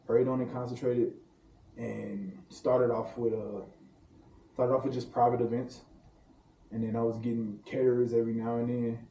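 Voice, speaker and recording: A man from St. Louis chats as a podcast guest, loose and slangy, laughing through his stories. His voice is very dark and mellow, at an ordinary pitch. He sits back from the mic in a roomy, echoing space with faint ambience. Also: level tone, moderate pace, gravelly, distant mic, slight background noise. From St. Louis, Missouri. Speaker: private chef guest. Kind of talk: casual podcast chat.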